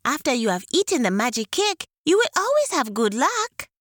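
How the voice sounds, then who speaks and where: Woman voicing a high, coaxing storybook tortoise. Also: big pitch swings, normal speed, a bit bright, a little hiss or hum. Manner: polite, coaxing. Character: sly, sweet-talking large female tortoise trickster. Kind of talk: children's folk tale storytelling.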